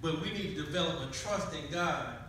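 A man's voice: fairly high pitch, brisk, pushed and bright, slight background noise. A middle-aged man, a minister, preaching a sermon with call-and-response while pacing a small church hall with a handheld mic. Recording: echoey church recorded from far off.

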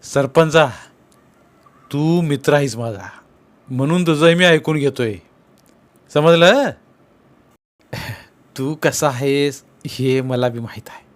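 This is a man playing a rough village man with a twang, cornered and furious. The voice sits a little high, with loud, jumpy outbursts. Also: slow pace, long pauses. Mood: defensive. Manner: defensive, loud, agitated outbursts. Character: hot-tempered rural village man accused of murder.

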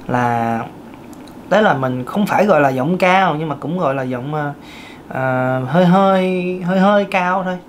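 A man with a thin, light voice, giving a casual singing lesson, chatty with many fillers. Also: a little hiss or hum. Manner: chatty, with many fillers and sudden pitch jumps. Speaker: singing teacher.

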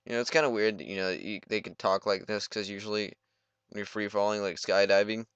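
A man's voice: fairly low pitch, steady tone, fairly quick, a bit bright, smooth, dry recording, lo-fi sound. A young man giving goofy, rambling let's play commentary and talking back to the game.

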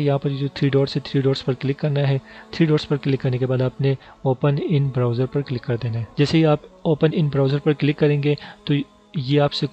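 A man's voice: mid-range voice, darkish tone. A man hosting a tutorial channel, patiently walking through each step and checking in with "theek hai" as he goes. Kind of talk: screen-recorded how-to tutorial. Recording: slightly dull lo-fi voice-over with faint music.

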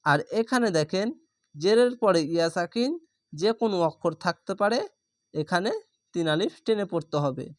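A man's voice: high voice, no room sound, studio quality. A man teaching Quran reading, patiently spelling out each syllable letter by letter and explaining the rules as he goes. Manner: spells out syllables slowly and methodically.

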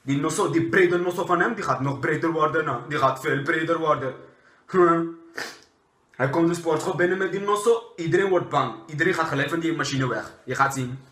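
A man's voice: a little high, fairly quick, a bit bright, close to an everyday voice. A young man playing a fed-up Surinamese-Dutch burglar in a comedy sketch, indignant and repetitive, with a Surinamese Dutch accent. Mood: threatening. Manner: indignant, repetitive, tag word at sentence ends. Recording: roomy echo of a bare room.

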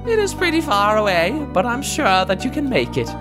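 A man voices a gentle, motherly goat queen from a game, speaking in a stately, formal manner with a kindly mood. His delivery is very animated and brisk, gliding between high and low pitches, with game music playing behind.

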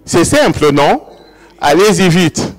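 Man, lecturer, slow deliberate delivery, didactic, asks the audience questions, long hall reverb. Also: sits high, very animated. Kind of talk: academic lecture with audience interaction.

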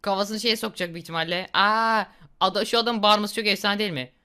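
A young man in his twenties chats through a gory game with a bright, forceful voice. He reacts loudly and laughs often. His tone is smooth and clear. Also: sits high, fairly even intonation, quick pace. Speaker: gaming YouTuber. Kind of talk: casual gameplay commentary.

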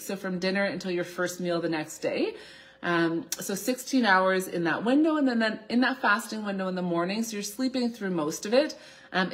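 Seated at a desk in a small office, a naturopathic doctor in her thirties answers questions in a casual live Q&A session. She has a slight cold, and her mid-range voice carries a fairly bright tone while she explains.

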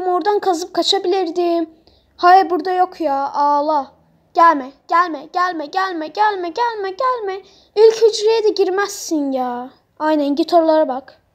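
A woman giving excitable, blunt let's-play commentary, trash-talking other players. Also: very high-pitched. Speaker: gamer playing on a role-play server.

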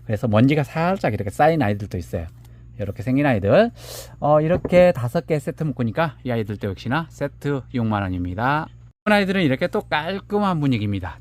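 A man showcasing handmade plant pots in a relaxed selling chat. His pitch moves up and down a lot as he talks. He measures each pot aloud and fondly calls the pots "little ones". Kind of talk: product showcase live sale.

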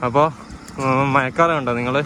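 A man's voice: mid-range voice, steady tone, brisk. A Malayali man chatting casually as he narrates a cycle tour, pointing out sights along the road. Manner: chatty, pointing things out as he rides. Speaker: cycle touring vlogger. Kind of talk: casual travel vlog narration. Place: outdoors on roads while cycling. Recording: noisy outdoor traffic and wind. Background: traffic and wind.

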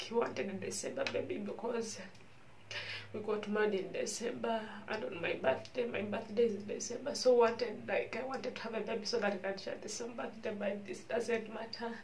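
A woman's voice: on the high side, distant mic, slight background noise. A young woman talking to camera in an emotional personal vlog, crying and laughing through her words. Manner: tearful, breaking into laughs and sobs. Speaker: vlogger.

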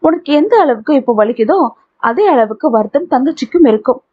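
A woman reading the part of a calm young man who reassures and advises his friend. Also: high-pitched, brisk, slight background noise. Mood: consoling. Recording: tinny phone-like audio.

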